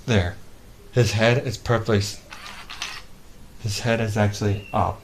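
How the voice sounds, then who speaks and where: Man, lowish pitch, casual demo reviewer, halting, repetitive phrasing, clearly noisy home recording. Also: steady tone. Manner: halting and repetitive, often restarting sentences. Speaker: toy reviewer. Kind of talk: casual product demonstration.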